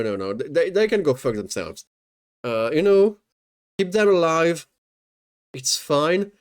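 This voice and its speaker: A man with a fairly high, darkish voice streams himself sarcastically mocking a video as he watches. His casual reaction commentary is full of jokes and swearing, and he often stammers and repeats words.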